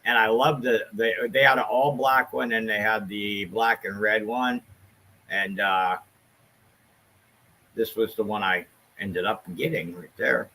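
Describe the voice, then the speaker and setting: A man's voice: on the low side, fairly even intonation, a little slow, sharp tone, low-quality recording. A man chatting casually as a co-host on a collectors' livestream.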